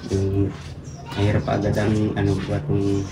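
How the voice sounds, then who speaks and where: An older man, a father, answering questions outdoors at his home in a halting, soft-spoken way with many fillers. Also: fairly low pitch, completely flat delivery, over loud music, poor audio. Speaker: father interviewed on a visit. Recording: outdoor ambience with birds.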